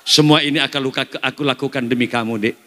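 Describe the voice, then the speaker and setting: A male preacher voicing a poor husband who gently coaxes his angry wife. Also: fairly even intonation, moderate pace, in a large hall. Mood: coaxing. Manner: soft, coaxing, lower-voiced.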